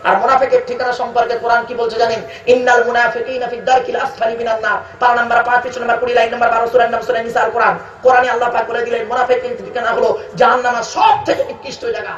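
A man with a West Bengal Bengali accent preaching a waz sermon, calling listeners "baba" and chanting verses slowly. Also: extremely high pitch, flat delivery, a bit bright. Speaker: preacher at a religious gathering. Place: outdoor religious gathering on loudspeakers. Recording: echoey, distant, dull public address sound.

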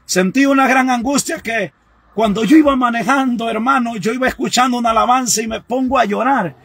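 A man's voice: extremely high pitch, a little fast, fairly bright tone, slightly rough, dry recording. A man giving an emotional testimony sermon, fervent and often crying out, calling his listeners brother. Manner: fervent, repeats "hermano", cries out at times. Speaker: evangelist preacher.

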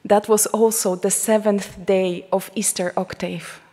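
In a large church shrine, a Polish religious sister speaks to the congregation with a Polish accent, slow and heartfelt, her voice sinking to a near-whisper in prayer. Her pitch is medium and her delivery flat. She wears a headset mic, and long church reverb fills the recording.

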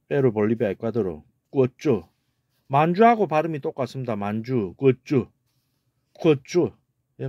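A man's voice: mid-range voice, dark tone, dry recording. A man giving a casual video lecture on word origins, talking emphatically, repeating words and asking rhetorical questions. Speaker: amateur language lecturer.

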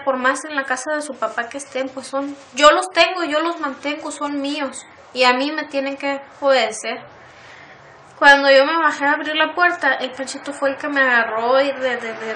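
A woman giving earnest, halting testimony in an interview, often restarting her words. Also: sits high, background noise. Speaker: interviewee recounting abuse. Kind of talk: emotional testimony.

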